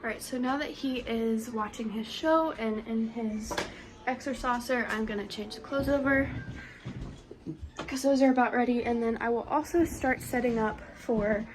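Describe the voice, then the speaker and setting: Young mom vlogger, casual and chatty, a touch high-voiced, talking to camera at home over background music. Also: female voice, normal speed, rough recording. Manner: chatty, talks through her chores. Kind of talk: casual vlog narration. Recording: music playing under the voice.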